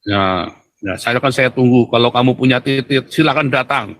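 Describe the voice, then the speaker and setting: A man's voice: medium pitch, normal speed. A man delivering a heated monologue to his listeners, ranting, often calling them brothers and acting out the voices he quotes. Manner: ranting, keeps addressing listeners as "saudara"; acts out quoted voices in lively bursts. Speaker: commentator. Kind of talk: heated monologue to an online audience.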